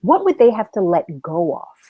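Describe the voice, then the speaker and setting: A woman's voice: mid-range voice, very animated, moderate pace, husky, dry recording. A woman hosting an interview who asks earnest, thoughtful questions. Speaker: interview host. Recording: dull, slightly lo-fi.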